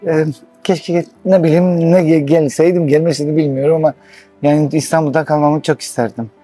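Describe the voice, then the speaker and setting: A middle-aged man from Istanbul, speaking halting, slightly broken in a casual street interview. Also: fairly high pitch, steady tone, dark tone, dry recording, soft background music. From Istanbul, Turkey. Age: middle-aged to 60s.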